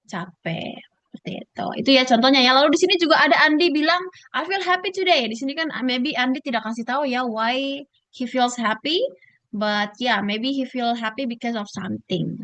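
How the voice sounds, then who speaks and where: A woman with an Indonesian accent teaching an online English class, mixing English with Indonesian and slowly repeating words to model their pronunciation. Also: on the high side, fairly bright tone, no room sound, muffled recording.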